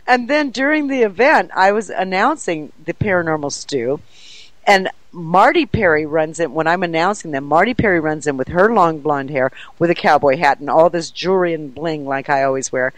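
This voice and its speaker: A woman who organizes paranormal events, telling an excited story in an interview, animated and laughing often. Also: lowish voice, dry recording, poor audio.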